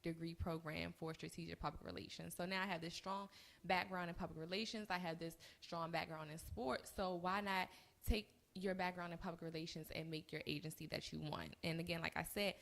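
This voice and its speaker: A woman's voice: lowish voice, fairly even intonation, brisk, vocal fry, a bit bright. A woman in her early twenties, a podcast co-host, telling her story in casual, chatty chat with laughs. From United States. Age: 20s. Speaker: co-host and business owner. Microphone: live-streamed recording.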